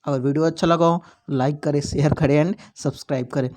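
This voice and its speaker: A young male teacher with a somewhat high voice, patiently walking through exam questions one by one. He repeats key points, slipping English terms into his explanations. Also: fairly even intonation, fairly quick, darkish tone. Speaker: biology teacher.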